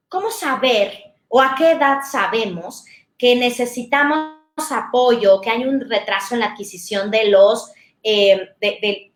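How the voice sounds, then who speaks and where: A woman speech therapist, explaining to parents in a warm, conversational way with everyday examples. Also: a little high, reverberant. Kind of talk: talk to parents.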